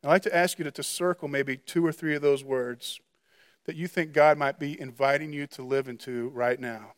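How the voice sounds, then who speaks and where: A man's voice: a little high, fairly even intonation, moderate pace. A man preaching a sermon as pastor, earnest, often stumbling over repeated words as he restarts a phrase. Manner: earnest, with frequent stammered restarts.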